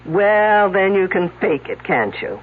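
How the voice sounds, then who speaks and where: In this muffled old radio broadcast recording, an actress takes on a sardonic, commanding woman detective, brash and shrewd with sarcastic wisecracks. Her husky, medium-pitched voice moves a little slowly with big pitch swings, sounding mocking and confident.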